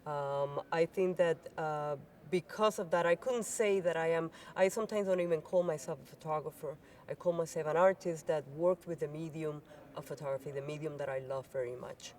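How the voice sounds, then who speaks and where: A woman's voice: sits low, steady tone, fairly quick, darkish tone, far from the mic. Hesitant woman speaking a little off-mic. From Cuba, raised in Puerto Rico. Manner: searching, hesitant phrasing. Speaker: panel artist. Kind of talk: unscripted panel remarks. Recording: voice somewhat off-mic.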